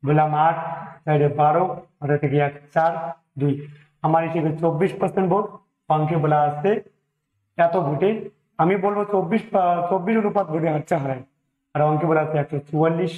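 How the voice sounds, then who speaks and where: A man's voice: fairly high pitch, fairly quick, roomy sound, phone-quality sound. A man teaching an exam-prep maths lesson, talking through each sum step by step, with a Bengali accent and English numbers mixed in.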